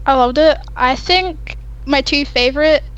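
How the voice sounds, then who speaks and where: A woman in a casual podcast chat, talking in an unhurried, enthusiastic way. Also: high voice, muffled recording.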